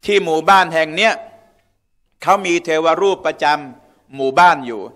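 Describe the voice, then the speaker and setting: A man's voice: on the high side, moderate pace, fairly bright tone. A man giving a conversational religious lecture in a mosque, often asking the audience questions. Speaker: religious teacher.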